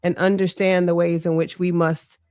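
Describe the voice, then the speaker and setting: The candid interview features a middle-aged mayoral candidate whose strong, lowish voice is mellow, clear, and resonant, with a flat delivery. She sounds earnest and measured, reflecting aloud and often adding "right?", with no room sound and a clean studio finish.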